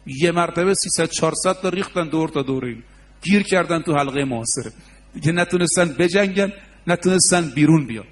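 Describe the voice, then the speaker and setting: A man preaching a religious sermon, telling stories with quoted dialogue and rising emphasis. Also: on the high side.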